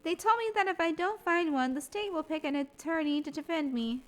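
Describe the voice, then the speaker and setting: A woman's voice: high voice, a little fast, fairly bright tone, pitched above the performer's own voice. A woman voicing an earnest young female spirit medium in training, reading game dialogue in a raised, polite, pleading voice.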